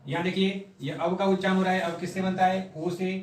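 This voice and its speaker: A man with a high, level voice teaches grammar at a board, explaining slowly step by step and sounding out syllables one at a time. He is far from the mic in an echoey room, with slight background noise.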